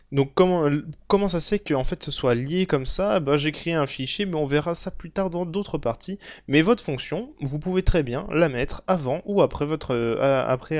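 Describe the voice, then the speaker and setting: Halting young man explaining code. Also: mid-range voice, darkish tone, no room sound, clean studio sound. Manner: halting, many fillers and self-corrections. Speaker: programming tutor. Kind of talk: screen-recorded coding tutorial.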